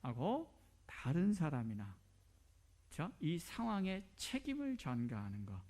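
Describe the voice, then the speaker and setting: A man's voice: a little high, huge pitch swings, a little slow, darkish tone. A middle-aged man preaching a sermon as a pastor, asking rhetorical questions and dropping to near whispers.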